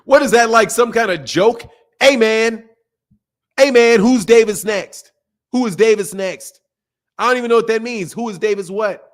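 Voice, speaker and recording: An American man hosts a boxing talk channel livestream, reading and answering viewer messages in a casual, emphatic, slangy way and repeating phrases for emphasis. His voice sits high and he speaks at normal speed.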